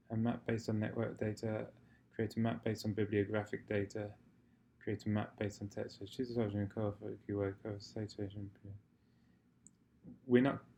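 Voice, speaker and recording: A man improvising a software walkthrough, hesitant and fumbling for words as he thinks aloud, in a gravelly voice. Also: on the low side. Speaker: software tutorial presenter. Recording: faint noise, keyboard typing and clicks. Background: computer keyboard typing and mouse clicks.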